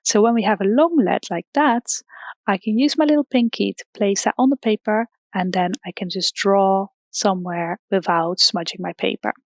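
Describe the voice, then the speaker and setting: A woman's voice: mid-range voice, moderate pace, no echo. A young woman from the Netherlands, an art teacher, explaining drawing basics step by step with some fillers, recorded in a hairdresser's salon used as a temporary studio. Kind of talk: drawing lesson demonstration.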